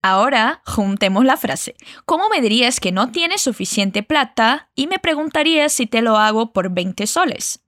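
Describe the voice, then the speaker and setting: A woman teaching a lesson, modeling phrases slowly and carefully for learners to repeat. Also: fairly high pitch, expressive, a bit bright, no room sound, studio quality. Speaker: Spanish teacher. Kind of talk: language lesson narration.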